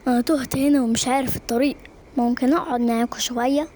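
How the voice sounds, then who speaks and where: Woman playing a mysterious old stranger, slow calm voice, high-pitched, faint hiss behind, animated story. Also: natural voice. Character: strange old man, lost and thirsty, mysterious.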